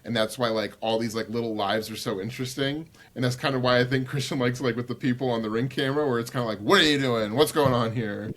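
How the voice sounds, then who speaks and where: A man's voice: medium pitch, steady tone, quick pace, hardly any pauses. A man in his thirties co-hosting a podcast, talking in a loose, meandering way with many filler words. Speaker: podcast co-host. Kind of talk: casual chat.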